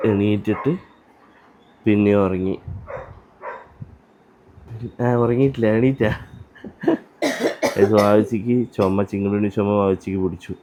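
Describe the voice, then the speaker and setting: A man's voice: lowish voice, dark tone, no echo, highs cut off. Chatty man filming a family vlog. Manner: chatty, talks straight to viewers. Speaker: vlogger. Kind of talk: casual daily vlog narration. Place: family home, early morning. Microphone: handheld phone.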